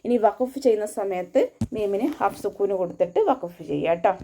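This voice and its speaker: A woman teaching Quran recitation, going slowly line by line and explaining where to place the lips and tongue for each sound. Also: medium pitch, dark tone, a little hiss or hum. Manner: patient and methodical, gives mouth and tongue placement cues. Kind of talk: tajweed lesson, slow line-by-line instruction.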